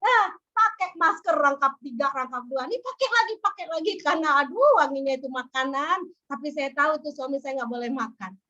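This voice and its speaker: A woman preaching a sermon, telling personal stories in a lively way and acting out quoted voices. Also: high voice, a little fast, few pauses, lo-fi sound. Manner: lively storytelling, acts out quotes.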